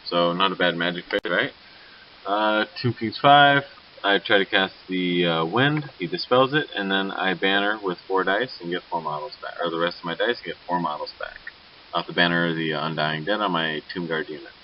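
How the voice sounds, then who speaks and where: Sleepy guy with a low voice rambling through a game recap, dull lo-fi sound w faint hiss. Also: moderate pace. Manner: rambling, loose, self-correcting. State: sleepy, yawning. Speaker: tabletop wargame player. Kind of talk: casual battle report narration.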